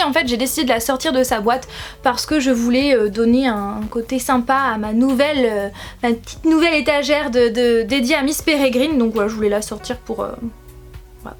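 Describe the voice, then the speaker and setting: A young woman from France chats at home about her collection with high, bubbly enthusiasm. She gushes and stumbles over repeated words, and soft music plays faintly behind her. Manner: enthusiastic, gushing, many hesitations and repeated words. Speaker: YouTuber showing her collectible figures. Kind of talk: casual chat to camera.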